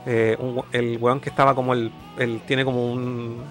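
A man's voice: mid-range voice, flat delivery, moderate pace, a bit bright, faint music behind. Slangy Chilean man chatting casually. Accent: Chilean Spanish. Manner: slangy, groping for words, frequent restarts. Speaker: streamer co-host. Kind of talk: casual chat.

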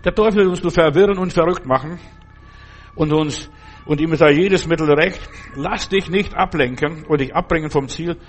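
A man's voice: on the high side, normal speed, faint music behind. An older man giving an earnest sermon, exhorting his listeners and addressing them directly. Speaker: preacher.

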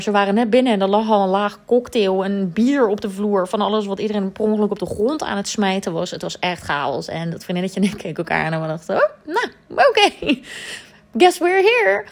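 A woman's voice: mid-range voice, fast, few pauses, a little mellow. A woman in her thirties casually telling a personal story, chatty, with many fillers and English words dropped in.

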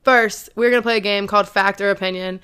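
A woman's voice: mid-range voice, steady tone, quick pace, fairly bright tone, clean tone. A woman, co-hosting a podcast in casual chat, giggly and full of "like". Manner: giggly, filler-heavy, says "like" often. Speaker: podcast co-host.

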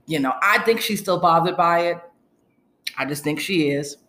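A woman's voice: lowish voice, normal speed, sharp tone. A woman giving a casual, emphatic recap monologue as a commentator, repeating phrases for stress and acting out quotes as she retells them. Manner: acts out quoted lines while retelling. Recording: echoey room.

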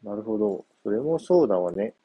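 Small mother crab, firm but trusting, soft husky tone; male narrator voicing her. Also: fairly low pitch, lively intonation, fairly quick, dry recording, highs cut off.

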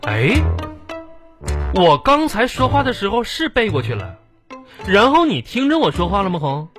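A man's voice: high voice, wildly swooping pitch, moderate pace, fairly bright tone, full character voice. A man with a Northeastern Chinese accent playing a teasing husband in a comic sketch, joking and stammering out excuses. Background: background music.

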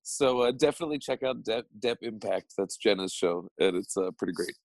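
A man's voice: on the low side, animated, brisk, no room sound. A man co-hosting a podcast, talking earnestly in casual chat, often restarting his sentences. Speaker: podcast co-host.

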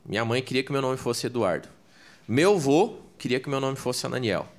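A man's voice: medium pitch, moderate pace. A man casually telling family stories in a chatty, slangy way, acting out the people he quotes. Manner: animated storyteller, slangy, acts out quotes. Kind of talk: casual storytelling chat.

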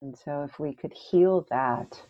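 Woman, coach, interview guest, earnest, reflective, low voice, lo-fi audio. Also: measured pace, dark tone. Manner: reflective, earnest, asks "right?" often. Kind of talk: casual interview chat.

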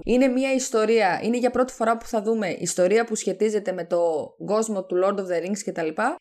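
A woman co-hosting a casual podcast, talking as an eager fan while sounding worn out. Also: fairly high pitch. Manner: enthusiastic fan, chatty and animated. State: tired, low energy. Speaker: podcast co-host.

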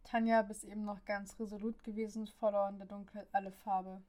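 A woman narrating a story as an audiobook reader, reading with an even, steady delivery. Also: medium pitch, a little fast.

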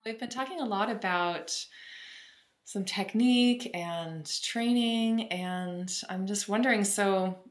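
A woman's voice: medium pitch, takes it slowly. A woman hosting an interview podcast, asking engaged, friendly questions. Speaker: podcast host. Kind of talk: interview talk. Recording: roomy echo.

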